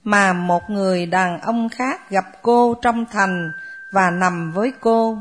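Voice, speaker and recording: A woman from the class reading a scripture passage aloud, slowly and carefully. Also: medium pitch.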